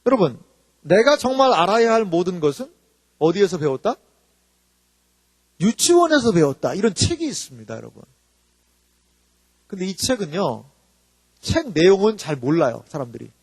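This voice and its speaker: A man preaching a sermon to his congregation, animated, often putting questions to the people. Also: sits high, moderate pace, long pauses, breathy edge, dry recording, long reverb tail. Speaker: pastor.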